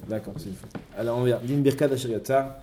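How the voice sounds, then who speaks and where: A man's voice: mid-range voice, quick pace, a little hiss or hum. A man teaching a Torah study lesson, explaining step by step and mixing in many Hebrew terms.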